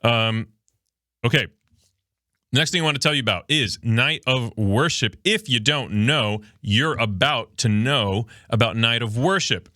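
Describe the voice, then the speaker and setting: A Miami man, Spanish his first language, hosts a podcast as a loose, joking livestream chat, reading viewer comments aloud while short on sleep. His medium-pitched voice is a little slow, pushed and bright. The studio microphone gives a dry, clean sound.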